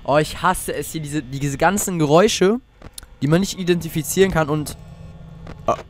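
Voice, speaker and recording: A man's voice: fairly high pitch, normal speed. Jumpy teenage boy gaming, swearing. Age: teens. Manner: jumpy, swears a lot, talks to viewers. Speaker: let's player. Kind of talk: horror game commentary.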